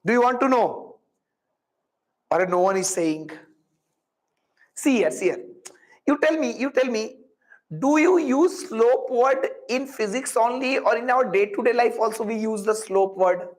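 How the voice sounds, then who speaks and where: Male physics teacher, Indian accent, high-pitched, live class explanation, repetitive phrasing, frequent questions, Hindi tags. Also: a little slow, rough recording.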